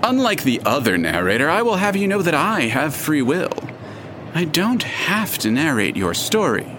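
A man's voice: a little high, wildly swooping pitch, moderate pace, background noise. A man playing a wry, theatrical narrator character who speaks in an arch, pompous manner in an audio drama. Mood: arch, lofty.

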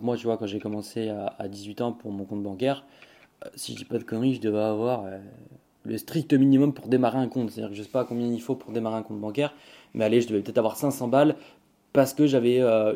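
A man's voice: mid-range voice, mellow. A young man hosting a casual solo podcast, rambling with many fillers and restarts while talking straight to the listener. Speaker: podcast host.

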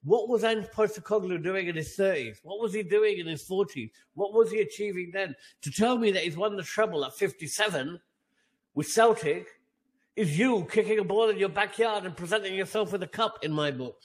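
A man's voice: high voice, brisk. A middle-aged man co-hosting a fan podcast, ranting indignantly and firing off rhetorical questions. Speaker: podcast co-host. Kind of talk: heated fan podcast rant.

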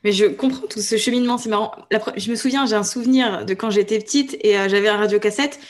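Animated woman podcast host. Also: medium pitch, quick pace. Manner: animated storytelling, warm agreement. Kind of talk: conversational interview.

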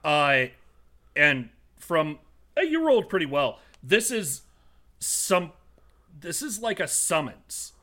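A man's voice: a little high, very animated, slow pace, pauses often, pushed and bright. A man narrating as game master of a tabletop game, hesitant with many fillers as he explains.

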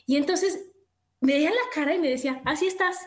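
A middle-aged woman with a Mexican accent, telling stories in an animated, expressive casual chat. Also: high-pitched, a little fast. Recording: echoey room.

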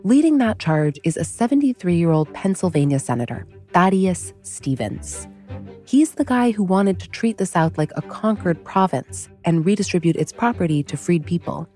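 A woman's voice: fairly low pitch, expressive, moderate pace, dark tone, faint music behind. A woman hosting a podcast, reading scripted history narration in a wry, conversational storytelling manner. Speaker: podcast host.

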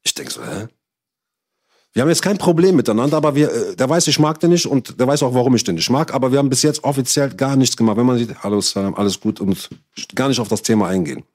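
A man's voice: mid-range voice, quick pace. A man chatting casually, telling a story in slangy speech and acting out what others said. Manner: slangy and animated, swears he is not lying, acts out others' lines. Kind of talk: casual chat, telling an anecdote.

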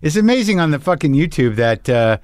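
A man in his fifties from New Mexico hosting a casual chat, laid-back and full of quick agreements. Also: fairly high pitch, very animated, smooth, no echo, studio quality. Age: 50s. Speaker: host.

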